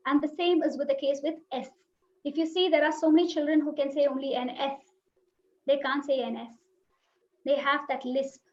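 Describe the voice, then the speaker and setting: A woman educator giving a webinar lecture on phonics, explaining and demonstrating speech sounds aloud and putting questions to her listeners. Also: high voice. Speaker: teacher trainer. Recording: dull lo-fi webinar audio.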